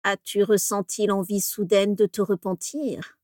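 A woman voicing a sinister, mocking male dark lord with a hissing voice in an audiobook reading, slow and menacing. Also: medium pitch, level tone, no room sound, studio quality, close to an everyday voice.

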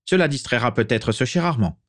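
A man's voice: medium pitch, lively intonation, a little fast, fairly bright tone, dry recording, studio quality, pitched above the performer's own voice, close to an everyday voice. A man reading aloud and voicing a stern, proud old aristocratic wizard who speaks in curt, cold sentences, in an audiobook-style story reading. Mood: haughty, cold. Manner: curt, haughty.

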